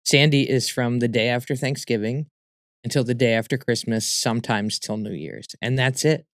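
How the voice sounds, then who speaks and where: A man talking casually as an interview guest, a comedian telling stories in an animated way with emphatic repeats. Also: mid-range voice, moderate pace, no room sound, studio quality.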